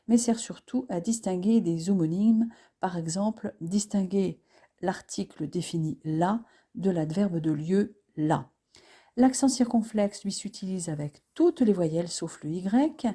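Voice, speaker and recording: A woman teaching French pronunciation, explaining accents and sounds slowly and carefully, with occasional hesitations. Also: mid-range voice, mellow, husky. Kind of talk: pronunciation lesson.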